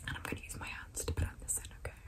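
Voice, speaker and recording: A woman in her twenties doing a whispered role-play for ASMR, close to the mic, in a fast, repetitive manner. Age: 20s. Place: small dim indoor room.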